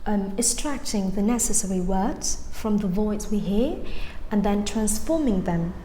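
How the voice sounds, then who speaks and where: Speaking at an unhurried pace in a mellow, medium-pitched voice, a Vietnamese woman in her twenties chats her way through a rambling English lesson, restarting often and filling gaps with ums. Her light Vietnamese-tinged accent has British touches. As a YouTuber's casual vlog, it's captured in an echoey room with faint ambience and a little hiss or hum.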